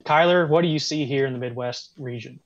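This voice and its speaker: A man's voice: medium pitch, fairly quick, dry recording. A man hosting a casual sports podcast who moves the talk along and hedges with fillers. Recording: dry, dull lo-fi mic.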